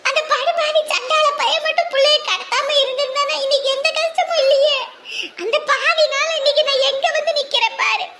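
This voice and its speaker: A woman's voice: very high voice, a little fast, background noise. An actress playing an anxious, self-pitying village mother, scolding and lamenting in a drama. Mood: pleading.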